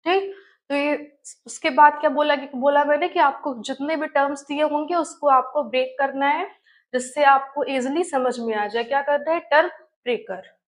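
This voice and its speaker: A woman's voice: sits high, normal speed. A woman biology teacher giving an online study-tips lesson, who explains step by step and keeps asking and answering her own questions, with terms.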